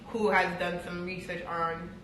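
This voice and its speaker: An earnest, talkative woman from with a bright voice. She speaks at length in a casual chat. An echoey room with a faint hiss surrounds her. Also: lowish voice, level tone, a little slow. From Boston. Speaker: podcast co-host.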